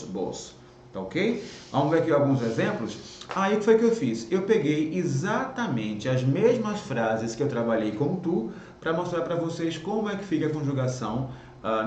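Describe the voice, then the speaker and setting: A man's voice: medium pitch, darkish tone, roomy sound, a little hiss or hum. A Brazilian man with a Bahian accent teaching Spanish in a live online lesson, repeating words as drills and checking in with "tá?" after each point. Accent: Bahian Portuguese. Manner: drills words by repeating them, ends phrases with "tá?".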